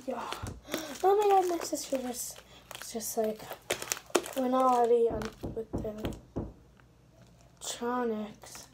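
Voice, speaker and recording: A woman's voice: fairly high pitch, expressive, slow, pauses often. A female vlogger casually chatting to viewers from her bedroom while making slime, rambling with apologetic asides. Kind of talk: casual vlog chat to viewers. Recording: crinkling and clicking noise behind voice.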